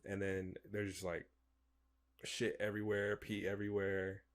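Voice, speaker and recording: A man's voice: fairly low pitch, monotone, normal speed. A young man co-hosting a podcast, talking in a laid-back, slangy way and quoting friends as he tells stories. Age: young adult. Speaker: podcast co-host. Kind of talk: casual storytelling chat.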